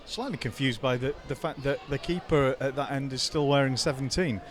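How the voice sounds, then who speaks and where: A man's voice: medium pitch, a little fast. A man doing co-commentary on a football stream, offering dry, self-deprecating banter with frequent stumbling restarts. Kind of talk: casual commentary chat. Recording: noisy outdoor stadium crowd.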